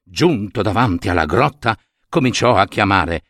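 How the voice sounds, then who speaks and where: Man, storyteller, fairy tale, very lively pitch, bright, dry close sound. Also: normal speed, no echo. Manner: animated, addresses the listeners with asides.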